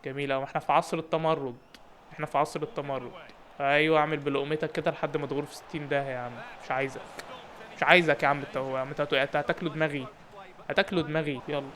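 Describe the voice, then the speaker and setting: Egyptian man, young, rapid joking game commentary, slightly high voice, yells at players. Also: flat delivery, slight background noise. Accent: Egyptian Arabic. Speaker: gaming YouTuber. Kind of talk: excited football game commentary.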